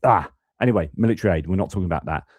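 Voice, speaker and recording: Racing along in a deep, slightly mellow voice, this young UK news streamer rants casually about politics live, constantly restarting sentences and stammering repeated words. The recording is dry.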